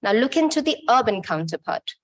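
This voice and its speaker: A woman's voice: on the high side, very animated, a little fast. A woman from Bangladesh giving a conference talk in an informal, chatty way, often stopping to correct herself. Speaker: conference presenter. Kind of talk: conference presentation.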